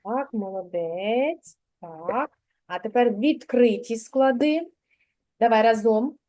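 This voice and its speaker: A woman's voice: fairly high pitch, slow, dark tone, rough recording. A woman kindergarten teacher giving a literacy lesson to a child, coaching him patiently and sounding out syllables one by one in a classroom.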